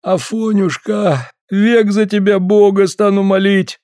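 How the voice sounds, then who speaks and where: A man's voice: high voice, measured pace, darkish tone, voice pushed up. A man reading a story aloud, voicing an exhausted working man who pleads and complains. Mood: pleading. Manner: pleading, whining.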